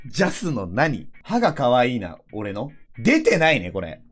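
Lively young man bantering with chat. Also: medium pitch, takes it slowly, faint music behind. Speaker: streamer. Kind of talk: casual chat with viewers.

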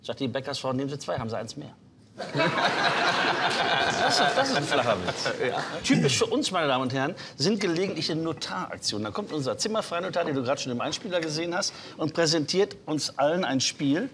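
A man's voice: a little high, very animated, fairly quick. A man co-hosting a studio talk show, joking and announcing with theatrical flair to the audience. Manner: jovial, theatrical announcer delivery. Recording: loud studio crowd and noise.

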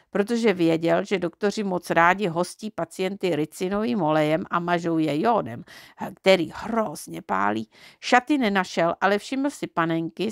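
Woman storybook reader, calm, gravelly, dry close sound. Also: lowish voice, no echo. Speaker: audiobook reader. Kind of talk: reading a children's book aloud.

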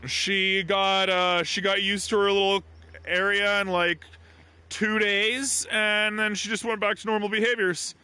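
Man, high bright voice, dry close sound, chatty farm vlog narration outdoors. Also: level tone, measured pace, clean tone, no room sound. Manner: chatty, rambling, affectionate toward the animal. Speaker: farm vlogger. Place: outdoors on a farm, behind the camera.

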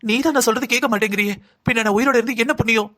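A man's voice: extremely high pitch, rapid-fire, bright, forceful tone. A man voicing a bossy, emotional middle-aged mother-in-law in a cartoon drama, scolding and pleading. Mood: guilt-tripping. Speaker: voice actor.

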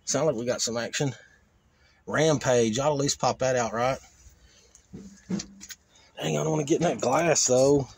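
A man with a medium-pitched, gravelly voice speaks at normal speed and pauses often. He's the host of a car crushing vlog, wandering an outdoor junkyard and chatting in a casual, folksy way, half to himself. The audio comes from a handheld phone or camera held by an operator, with faint outdoor noise.

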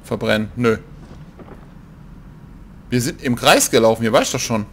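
Gravelly German gamer joking through play. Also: male voice, medium pitch, lively intonation, moderate pace, slight background noise. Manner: joking, mocks the game characters; drops to a hush while sneaking. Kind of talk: casual gameplay commentary.

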